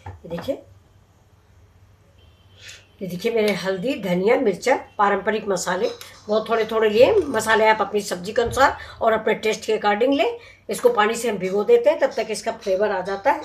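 A woman at medium pitch and normal speed hosts a home cooking demonstration for her channel, talking to viewers and explaining each step. She's in a tiled home kitchen, and the audio is echoey and noisy.

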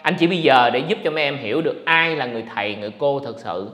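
A man hosting a casual livestream podcast, talking in an animated, ranting way to his viewers. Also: mid-range voice, racing. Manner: animated, ranting, mocks others in put-on voices. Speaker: podcast host. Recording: echoey room with long reverb.

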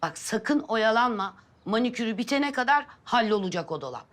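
Actress playing a bossy head housekeeper. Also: female voice, fairly high pitch, animated, brisk, natural voice. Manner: bossy, nagging. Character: bossy housekeeper ordering a maid around.

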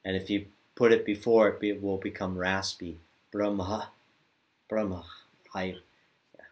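Low, flat-voiced man chanting slowly. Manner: slow drawn-out chanting, quicker casual asides. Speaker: yoga chanting teacher. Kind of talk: call-and-response mantra chanting lesson.

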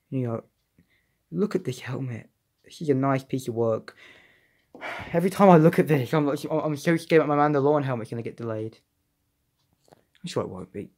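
A young man chatting casually as he reviews a collectible figure, excitable and rambling with frequent restarts. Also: medium pitch, fairly quick, long pauses. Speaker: toy reviewer. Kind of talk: casual unboxing vlog.

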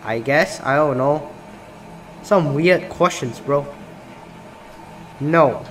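Poor audio captures a fairly high, fairly bright voice that draws out its words. It belongs to a young gaming YouTuber from Singapore who, in a small indoor room, plays a game on camera, reads its questions and reacts casually, often with "bro."

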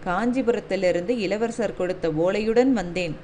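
A woman's voice: mid-range voice, moderate pace, darkish tone, a little hiss or hum, natural voice. A woman voicing a young male warrior messenger in a storybook reading, speaking politely and deferentially. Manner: deferential, respectful.

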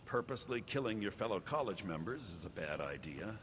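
A man's voice: lowish voice, big pitch swings, a little fast, fairly bright tone, husky, full character voice. An actor playing a worldly male wizard merchant giving dry advice. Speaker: game character.

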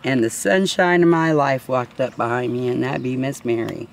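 A man with a gravelly voice telling a story in a casual interview, chuckling and acting out the voices he quotes. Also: mid-range voice, fairly even intonation, moderate pace, slight background noise.

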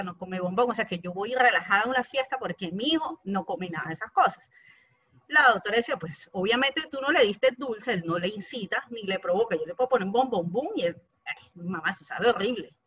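A talkative woman sharing a personal testimony on a video call, telling her story in a lively, chatty way. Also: medium pitch, husky, dry recording, highs cut off. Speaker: participant giving a testimony.

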